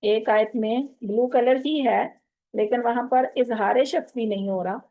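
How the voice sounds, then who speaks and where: Her voice fairly high and mellow, this teacher with a Pakistani Urdu accent speaks unhurriedly in an online tajweed lesson for women. She patiently explains the rules of Quran recitation and quizzes her students, over a rough recording.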